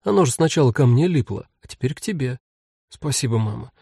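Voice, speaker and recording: A man's voice: mid-range voice, lively intonation, brisk, vocal fry, warm tone, slightly rough, no echo, clean studio sound. A man voicing a teenage girl, the older daughter, speaking in a shaky, tearful way.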